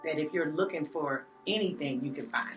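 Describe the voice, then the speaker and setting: Lively woman hosting a podcast. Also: low-pitched. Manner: animated, drawn-out greetings and playful asides. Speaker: podcast host. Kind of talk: enthusiastic podcast welcome and interview. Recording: distant mic with faint music behind.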